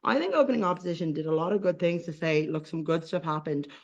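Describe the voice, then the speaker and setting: An Irish man with a high-pitched voice gives a debate speech in a loose, conversational way. He repeats phrases and restarts often, stacking up points one after another. The recording is dull and lo-fi. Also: fast talker, vocal fry. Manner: informal, repetitive, with many fillers and restarts. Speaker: competitive debater.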